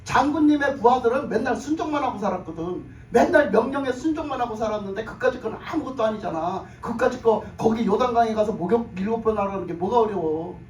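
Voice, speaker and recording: A man's voice: high-pitched, expressive, quick pace, hardly any pauses, a little hiss or hum. A man preaching a sermon, retelling a story and acting out its characters' lines, repeating phrases for emphasis. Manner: acts out characters' speech in the story. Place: church sanctuary. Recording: echoey room, mic at a distance.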